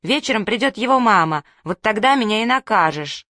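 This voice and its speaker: A woman reading a tough, mischievous little sister who talks bluntly and loudly. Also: medium pitch, animated, brisk, no room sound, studio quality, lightly acted. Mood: shouting. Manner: blunt, shouting.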